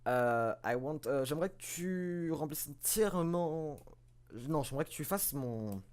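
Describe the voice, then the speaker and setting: A man voicing an elderly male professor in a game, reading the lines haltingly with many fillers. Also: on the high side, lively intonation, darkish tone, pitched above the performer's own voice. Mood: earnest.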